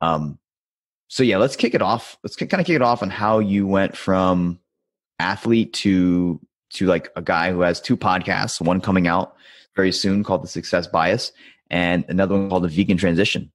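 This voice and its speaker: A man's voice: sits low, normal speed. A man hosting a podcast, chatting casually and laughing easily with his guest. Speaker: podcast host.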